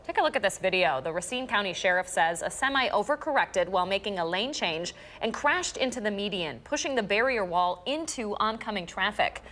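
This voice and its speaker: A woman anchoring morning news, reading stories in a measured, steady way. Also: mid-range voice.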